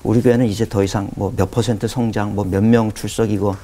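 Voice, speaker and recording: A man's voice: fairly low pitch, level tone, brisk, warm tone. A man in his fifties, a pastor telling his testimony on a talk show, earnest and storytelling, acting out the prayers he once said. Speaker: pastor, guest.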